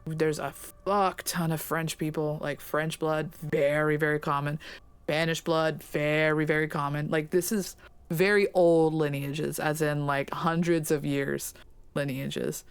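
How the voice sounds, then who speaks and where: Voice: medium pitch, flat delivery, a little slow, clean tone, no room sound. A let's play streamer from Louisiana chatting casually in a tangent-prone, self-deprecating way, swearing and laughing often. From Louisiana, USA. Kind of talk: casual rambling commentary.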